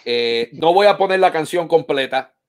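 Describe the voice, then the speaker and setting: A man's voice: a little high, normal speed. A man hosting a casual online interview, telling stories with playful asides. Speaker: host.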